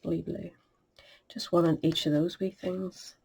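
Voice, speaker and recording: Hosting a craft tutorial, a sniffly middle-aged woman with a cold walks through making a card step by step, muttering to herself along the way. She speaks at a measured pace in a fairly low, level, warm voice that is gravelly and husky.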